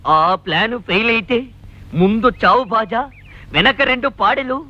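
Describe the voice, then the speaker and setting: A whiny, bumbling son. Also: male voice, sits high, expressive, moderate pace, sharp tone. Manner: whiny, dim-witted sidekick echoing his father. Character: whiny dim-witted son, a bumbling sidekick. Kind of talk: film comedy dialogue. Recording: dull lo-fi film audio.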